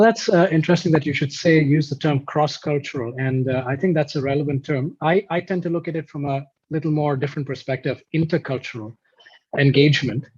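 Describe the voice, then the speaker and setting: A man from Kuwait talks reflectively as an interview guest, explaining his ideas step by step. His slightly high voice is husky. The sound is dull and lo-fi, like call audio. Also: darkish tone. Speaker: guest musician. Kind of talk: conversational interview.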